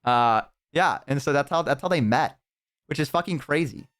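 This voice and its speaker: A young man chatting casually on a live stream, telling rambling, profane stories to his chat and slipping into animated impressions. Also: a little high, normal speed. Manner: talks to chat.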